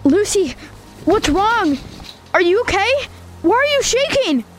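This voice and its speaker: A woman's voice: very high-pitched, sing-song, unhurried, faint music behind, exaggerated voice. A woman doing a concerned young boy. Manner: earnest, concerned. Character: young boy, protective older brother.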